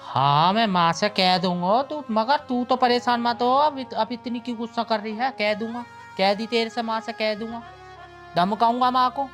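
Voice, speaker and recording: A man's voice: extremely high pitch, moderate pace, a bit bright, faint music behind. A man with a Haryanvi accent playing a hot-tempered young village husband who threatens his own mother. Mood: coaxing. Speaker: husband and son in a village drama. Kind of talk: Haryanvi film acting.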